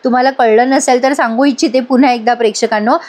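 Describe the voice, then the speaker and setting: High-voiced woman retelling a TV serial. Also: fairly even intonation, fast, a little mellow. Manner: addresses viewers directly, voices each character's lines herself. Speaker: serial review narrator. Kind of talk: voice-over retelling of a TV episode.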